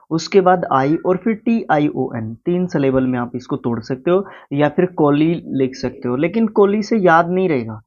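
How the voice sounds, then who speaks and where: Hindi-speaking man spelling words slowly. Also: medium pitch, a little mellow. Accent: Indian. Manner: spells words out letter by letter, slowing down; asks the viewer questions, then answers them. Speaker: English spelling teacher. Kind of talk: casual spoken lesson. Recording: slightly dull, lo-fi recording.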